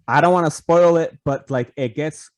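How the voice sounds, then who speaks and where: A man's voice: a little high, normal speed, no room sound. A man co-hosting a casual podcast over a video call, rambling with lots of restarts, fillers and swearing. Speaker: podcast co-host.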